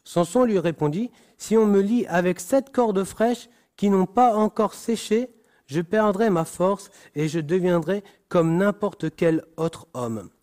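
A man reads a Bible passage aloud and comments on it like a preacher. His voice sits high and his pace is unhurried. He stumbles on words and corrects himself. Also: darkish tone. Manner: slow, deliberate reading with frequent restarts and apologies.

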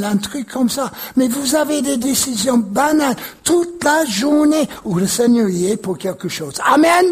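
A male preacher from the United States tells a story from the pulpit, taking his time over every phrase. His voice is deeply husky and rough, and he leans hard on words he repeats. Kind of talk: storytelling sermon.

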